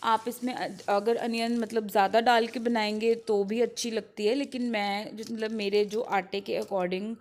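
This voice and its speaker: A young woman vlogging at home in a relaxed, chatty way, sounding tired. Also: on the high side. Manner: soft, slow morning talk to keep others asleep. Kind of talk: casual vlog narration. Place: home kitchen. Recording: home video with noticeable noise.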